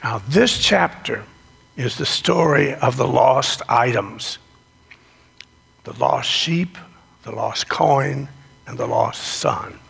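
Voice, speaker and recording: A man preaching as a pastor in a strangled, choked-up, congested voice, hoarse from a sinus infection, with a deliberate, folksy delivery. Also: medium pitch, a bit bright. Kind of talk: sermon, children's talk and scripture reading. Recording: long echo of a large hall.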